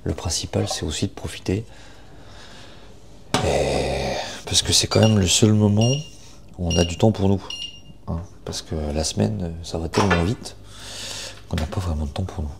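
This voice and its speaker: A young man chatting casually in a morning vlog, informal and self-deprecating, with a gravelly morning voice full of vocal fry. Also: deep voice, normal speed, long pauses, noisy background. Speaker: vlogger.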